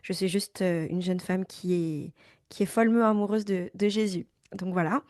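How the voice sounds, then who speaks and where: A young woman from Paris speaks as a guest in a relaxed interview. Her voice is dark and mellow, recorded close and dry. She talks thoughtfully and pauses often, repeating small words as she works out her answers. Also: on the low side, dry recording. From Paris, France. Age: young adult. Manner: thoughtful, many hesitations and repeats. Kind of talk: casual interview talk.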